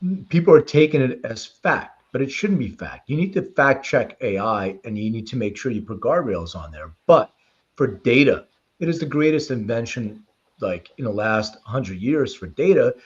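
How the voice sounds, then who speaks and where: Heard on a slightly muffled, lo-fi recording, a man with a mid-range, medium-pitched voice speaks as an interview guest. He heads a precision medicine company and was born in Lithuania before growing up in Philadelphia from age six. His answers are easygoing and informal, leaning on anecdote and personal storytelling.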